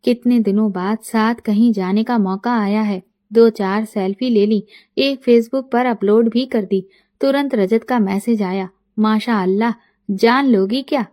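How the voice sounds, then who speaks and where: Mellow-voiced woman telling her story. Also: a little high, measured pace. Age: late 30s. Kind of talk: first-person story narration.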